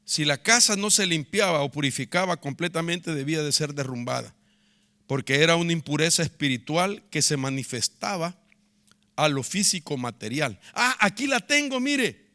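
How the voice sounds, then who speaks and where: Bright-voiced pastor preaching with sharp emphasis. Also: male voice, a little high, expressive, moderate pace. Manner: emphatic, rising and dropping sharply for effect; asks the congregation to repeat words. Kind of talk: sermon.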